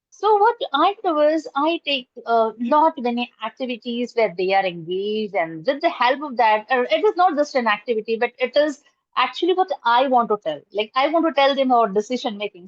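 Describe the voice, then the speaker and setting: This interview guest, a college professor and trainer, is a middle-aged Indian woman whose native tongue is Urdu; her fairly high voice carries an Indian accent. Her casual answers are earnest but packed with fillers and restarts. She's at home indoors before a curtain, and the video-call audio is dry, somewhat dull, and free of echo.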